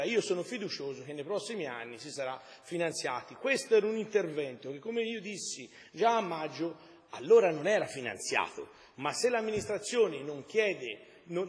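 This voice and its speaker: Man explaining council plans. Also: a little high. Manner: repetitive, explanatory, speaks in circles. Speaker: deputy mayor. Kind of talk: formal council speech. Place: council chamber. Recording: reverberant council chamber.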